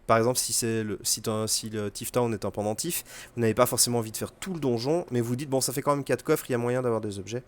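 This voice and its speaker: Man casually explaining a game run. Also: mid-range voice. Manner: relaxed explaining with fillers and quick asides to the game. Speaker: gaming video host. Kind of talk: casual gameplay commentary.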